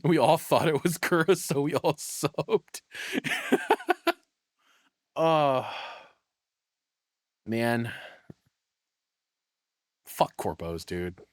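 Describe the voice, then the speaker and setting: A man's voice: on the high side, very animated, extremely slow, long pauses, dry recording, studio quality. A man streaming, chatting casually and rambling with a lot of swearing. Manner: rambling, swears often, laughs between words.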